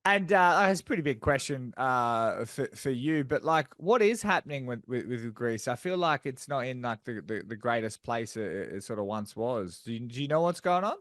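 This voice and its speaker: A man's voice: medium pitch, expressive, normal speed, hardly any pauses, fairly bright tone, no echo, studio quality. A man from Darwin hosting an interview, asking long questions full of hesitations and fillers. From Darwin, Australia. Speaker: interviewer host. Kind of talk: casual interview chat.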